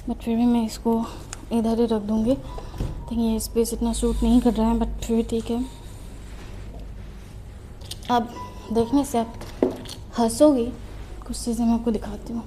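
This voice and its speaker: A young adult student vlogger, slightly out of breath, chats through a desk tour while tidying her desk in her study room at home. Her voice is a little high and dark with little pitch movement, unhurried and full of pauses, and there's a little hiss or hum. She's chatty, self-mocking and mixes in English phrases.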